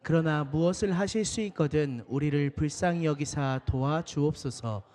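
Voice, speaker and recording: A man reading a scripture passage aloud in a steady way. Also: on the high side, moderate pace.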